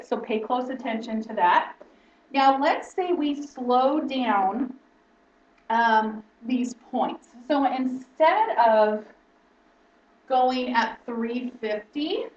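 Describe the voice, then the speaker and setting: Higher-voiced woman teaching in an echoey room. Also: a little hiss or hum. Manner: explanatory, checks in with frequent "okay?". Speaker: instructor. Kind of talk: lecture-style teaching. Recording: roomy, distant, dull lo-fi sound.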